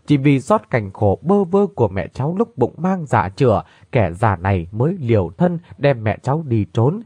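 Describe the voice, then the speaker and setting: A man voicing a wretched old former prisoner who makes a slow, sorrowful confession in a read-aloud story. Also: mid-range voice, darkish tone, no echo.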